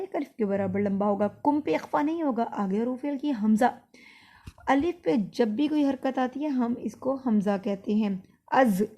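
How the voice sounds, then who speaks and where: A woman teaching tajweed. She explains each word patiently, repeats corrections, and recites in slow, drawn-out phrases. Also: fairly high pitch, warm tone.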